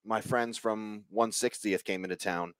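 A man's voice: fairly low pitch, steady tone, clear, resonant tone, no room sound. Guy cohosting a chat show, jokey, laughs a lot, dry close sound. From Connecticut. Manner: joking, quick to laugh. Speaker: podcast host. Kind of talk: casual chat.

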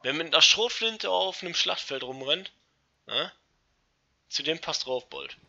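Very bright-voiced excitable young gamer man. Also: fairly high pitch, measured pace, creaky. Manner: excitable, swears and talks to viewers. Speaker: let's play gamer. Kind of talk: casual gameplay commentary. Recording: dull lo-fi gaming mic.

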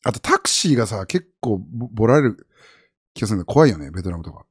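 Man streamer, casual chat, quick delivery, huge pitch swings, slightly husky voice. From Japan. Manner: rambling, animated, jumps between high and low pitch.

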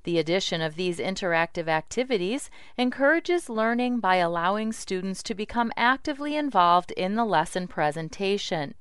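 A woman narrates an educational software demo from a script. Her voice is smooth and clean, of medium pitch, recorded very dry. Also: animated, moderate pace, few pauses, no echo.

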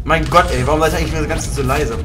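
A young man playing a video game with friends, loud and shouting as he cheers at the game. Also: on the high side, steady tone, rapid-fire. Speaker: gamer. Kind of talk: casual gaming banter. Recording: music in the background.

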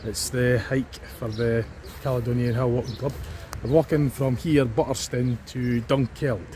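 A middle-aged Scottish man narrating a hike in a relaxed, chatty way, speaking into a phone held at arm's length on open winter hills. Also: medium pitch, normal speed. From Scotland. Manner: chatty, relaxed, with fillers and trailing asides. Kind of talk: casual hiking vlog narration. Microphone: phone or camera held at arm's length. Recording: loud wind noise on the mic.

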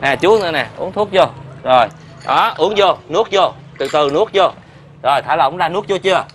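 A man's voice: on the high side, lively intonation, normal speed, a bit bright, a little hiss or hum. A man acting in a stage comedy sketch, exclamatory and coaxing.

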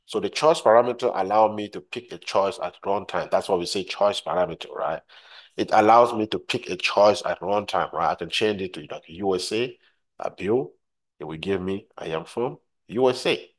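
A man with a low, deep voice narrates a screen-recorded software lesson over a desktop mic. He talks the viewer through each step, says things twice and checks in with a steady "right?" as he goes. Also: normal speed. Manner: repeats points, frequent "right?" checks. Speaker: tutorial instructor.

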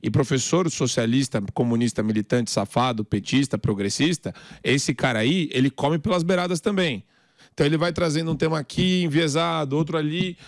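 Quick, opinionated Brazilian man. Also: fairly high pitch, no room sound, clean studio sound. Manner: opinionated, emphatic listing. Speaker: podcast co-host. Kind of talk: casual debate.

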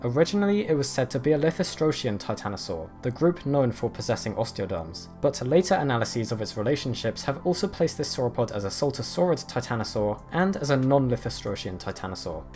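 Male nature documentary narrator, lively intonation. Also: medium pitch, fast, hardly any pauses. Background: background music.

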